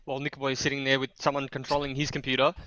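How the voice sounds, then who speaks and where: A man's voice: mid-range voice, monotone, sharp tone, dry recording, dull audio. A man co-hosting a gaming stream, joking around in casual banter. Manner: joking, quick to laugh. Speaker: stream co-host.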